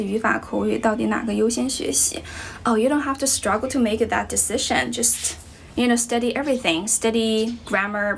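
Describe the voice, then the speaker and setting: Answering her livestream viewers, this young English teacher from Guizhou, China, keeps things relaxed and chatty, dropping plenty of "um"s and "you know"s. She speaks in a mid-range voice with vocal fry and a Chinese accent tinged slightly American, over a little hiss or hum.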